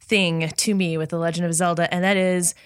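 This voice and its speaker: A woman's voice: on the low side, little pitch movement, brisk, clean tone, dry recording. Cheerful woman podcast host, dry sound. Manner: cheerful, laughs easily. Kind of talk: casual podcast chat.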